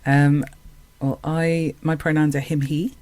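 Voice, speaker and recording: A man's voice: on the high side, level tone, measured pace, a little mellow, no echo. A man, an actor and singer, talking as a podcast guest in a thoughtful, hesitant way with many fillers. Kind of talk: casual conversation.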